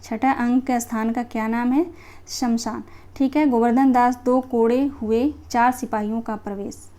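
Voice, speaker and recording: A woman's voice: on the high side, steady tone, measured pace, dark tone. A young woman, a Hindi teacher, reading through a play and explaining it to exam students, with frequent check-ins.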